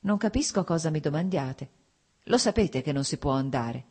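A tense young nobleman from a storybook reading, pleading yet cold and guarded, read by a woman in her own low, husky voice. There is little change from the narrator's natural sound. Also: expressive, moderate pace, a little mellow.

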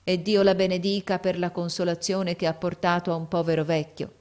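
A woman's voice: lowish voice, flat delivery, a little fast, a little mellow, lightly acted. A woman voicing an old retired male schoolteacher, speaking with sorrow and tenderness in a storybook reading. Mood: tearful farewell. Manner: sorrowful, pleading.

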